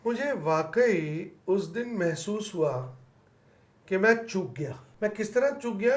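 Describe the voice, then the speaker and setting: A man's voice: high voice, darkish tone, echoey room. A man hosting a talk show, telling reflective stories, laughing often and slipping English phrases into his talk. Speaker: podcast host. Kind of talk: casual interview chat.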